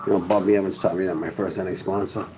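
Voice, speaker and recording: A man's voice: deep voice, level tone, quick pace, mellow, poor audio. A man, rambling through a profane, tough-talking monologue to camera. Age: 40s. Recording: crowd noise in background.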